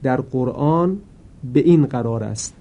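A man teaching Quran reading in a careful, slow way, now and then chanting a word slowly. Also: highs cut off. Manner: chants the words slowly, louder and higher. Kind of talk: lesson.

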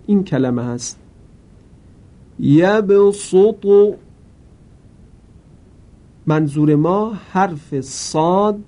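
Man, Quran reading lesson, careful slow explanation, warm mellow tone. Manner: chants the words slowly, louder and higher. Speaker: Quran recitation teacher.

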